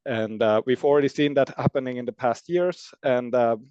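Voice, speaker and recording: A man's voice: medium pitch, moderate pace, darkish tone, smooth, dry recording. Male host, presentation style, hesitant delivery full of fillers, dull lo-fi recording. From born in Finland, grew up in Germany. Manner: hesitant, many uh fillers and restarts. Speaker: recruitment company CEO, webinar host. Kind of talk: presentation talk.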